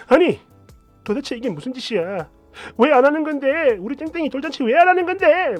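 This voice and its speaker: A male storyteller recounts a tale in a chatty first-person style. His voice sits fairly high and moves a lot in pitch. Soft music plays quietly behind him. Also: breathy edge. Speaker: story narrator. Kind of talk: storytelling narration. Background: soft background music.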